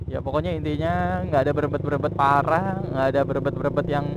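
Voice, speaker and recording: A young motovlogger rides a motorcycle on town streets outdoors, chatting excitedly into his camera mic for a casual test-ride vlog. His voice is on the high side and quick, excitable, slangy, and chatty with bursts of loud enthusiasm, while loud engine and traffic noise fill the recording.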